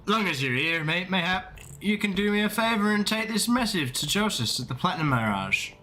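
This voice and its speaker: A man's voice: high-pitched, sing-song, brisk, sharp tone, pitched above the performer's own voice, heavily acted. A man voicing a chatty old male merchant, reading game dialogue with a folksy, attempted Irish lilt. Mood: cheery.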